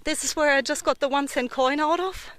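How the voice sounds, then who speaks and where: Digging on her metal-detecting vlog, a chatty treasure hunter muses aloud and tosses in tag questions as she comments casually. Her voice sits high, is fairly bright, and moves fairly quickly. There is a little hiss or hum in the audio.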